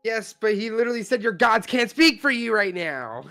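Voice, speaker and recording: A man speaking casually as a player in a tabletop game, halting and often repeating his phrases. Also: high-pitched, big pitch swings, vocal fry, sharp tone, soft background music. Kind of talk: casual chat.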